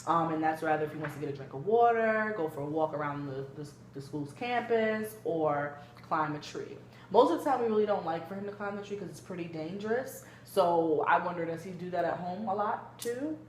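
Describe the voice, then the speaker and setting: A woman playing a gentle therapist in an amateur role-play, talking conversationally and hedging often as she explains. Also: on the low side, expressive, a little fast, few pauses, natural voice. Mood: calm, concerned. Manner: hesitant, hedging with frequent kinda and you know. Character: gentle female therapist leading a family session. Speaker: student clinician in a role play. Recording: echoey room with background noise.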